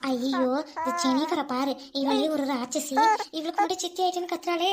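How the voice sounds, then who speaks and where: A woman voicing a loud, gossipy older village woman with slow, drawn-out exclamations. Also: high-pitched, very noisy, pitched below the performer's own voice, lightly acted. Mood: gleeful.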